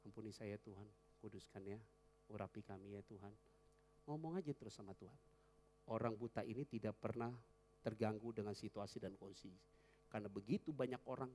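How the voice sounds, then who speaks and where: A pastor preaching a sermon in church, swinging between fervent loud passages and hushed, prayerful ones. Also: male voice, medium pitch, in a large hall.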